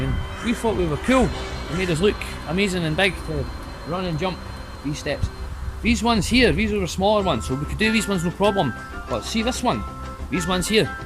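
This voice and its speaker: A man's voice: high voice, poor audio. A man in his thirties with a broad Scottish accent, telling stories casually in sweary, colloquial speech. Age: 30s. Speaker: video reviewer and vlogger. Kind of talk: casual anecdote and film chat.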